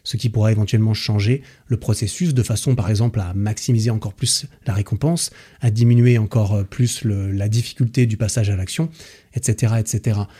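Husky-voiced casual male podcaster. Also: on the low side, fairly even intonation, brisk, mellow. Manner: chatty and enthusiastic, slangy, frequent fillers. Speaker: podcast host. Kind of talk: casual book summary.

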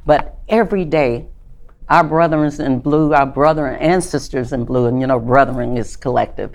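Low-voiced Southern woman, confident. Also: moderate pace, darkish tone. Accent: Southern US, Tennessee. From Tennessee. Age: older. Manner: confident, upbeat, faith-filled, emphatic. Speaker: retired Secret Service agent, guest. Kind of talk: conversational interview storytelling.

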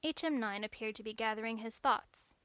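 A woman narrating a story in a measured, clear storytelling manner. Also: a little high, a bit bright, no echo.

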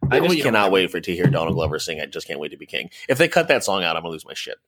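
Male podcast co-host, lively range, casual chat, restarts his phrases. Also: low voice, racing.

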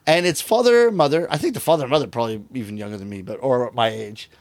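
This medium-pitched, quick-talking middle-aged man is a rakugo performer chatting in a casual interview, recorded without any room sound. Animated throughout, he brings his stories to life by performing the quoted voices.

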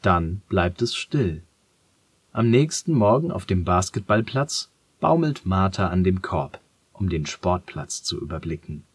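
Low slow guy reading a kids story, calm and measured, dry close mic. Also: husky, no room sound. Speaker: narrator. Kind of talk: storybook narration.

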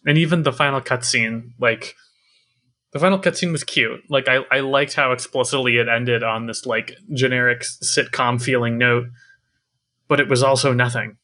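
A man's voice: mid-range voice, steady tone, moderate pace, sharp tone. A man talking casually and analytically about a video game as a podcast co-host.

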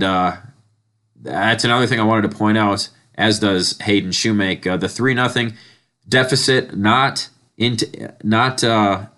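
A man's voice: fairly low pitch, fairly bright tone. A man with a nasal voice, congested from a head cold, hosting a sports podcast with a conversational game recap.

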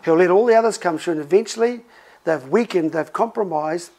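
Poor audio captures a middle-aged pastor whose high voice moves at a brisk clip. He preaches as if chatting, telling animated stories punctuated by laughs.

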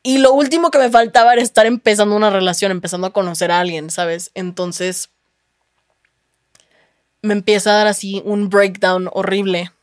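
A woman's voice: mid-range voice, steady tone, moderate pace, dry recording, studio quality. A young woman with a Mexican accent, a guest telling her story in casual chat, candid and full of slang and swearing.

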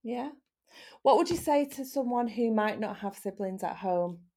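A woman hosting a casual podcast, gently encouraging children with long, leading questions. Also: on the high side, animated, a little slow. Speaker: host interviewing children.

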